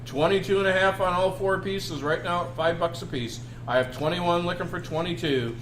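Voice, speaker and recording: A man's voice: high-pitched, moderate pace. A man working as an auctioneer, calling out bids in repeated phrases with folksy banter in between. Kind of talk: auctioneer calling bids, repetitive chanting of prices. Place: indoor auction room. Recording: echoey room with faint background noise.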